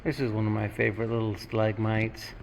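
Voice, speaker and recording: A man hosting an informal guided caving tour to camera, explaining things with frequent pauses and hesitations. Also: lowish voice, little pitch movement, vocal fry, noisy background. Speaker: caving guide and vlog host.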